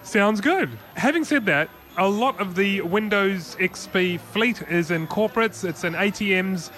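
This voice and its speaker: A man's voice: sits high, measured pace, fairly bright tone. A man co-hosting a tech news podcast, chatting casually and rambling with restarts and laughs. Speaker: podcast co-host.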